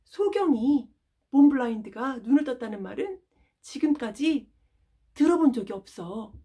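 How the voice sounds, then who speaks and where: A woman voicing a man healed of blindness, speaking boldly and with excitement in a children's sermon story. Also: moderate pace, slightly rough. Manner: excited, high, exclaiming.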